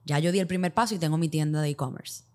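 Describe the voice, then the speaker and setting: Speaking fast in a low register, this Dominican-accented woman appears as an expert podcast guest. Her explanations mix Spanish with English business vocabulary, and she walks through hypothetical examples during the interview.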